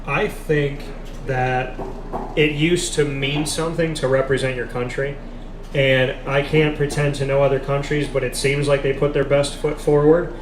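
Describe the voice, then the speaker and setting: In a café, a man hosts a live, casual sports discussion, speaking emphatically and repeating his points for stress. His mid-range voice is flat at a normal speed, and the recording is echoey with background noise.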